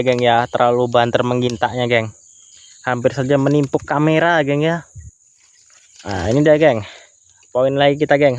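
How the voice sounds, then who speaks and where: A man's voice: mid-range voice, highs cut off. A young man chatting casually while fishing outdoors, tacking a friendly filler word onto nearly every phrase. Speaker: fishing vlogger. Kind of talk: casual fishing vlog commentary. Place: outdoors by water in the countryside. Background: crickets and insects.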